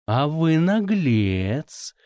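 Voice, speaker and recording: A man's voice: on the high side, very animated, very slow, a little mellow, no room sound, exaggerated voice. A man voicing a stern, angry middle-aged male academy rector who gives cold, clipped orders.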